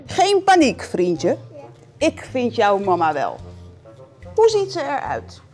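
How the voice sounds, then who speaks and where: A woman voicing a helpful, eager male squirrel in a picture book read aloud, brisk and reassuring. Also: a little high, huge pitch swings, a little mellow, faint music behind, full character voice.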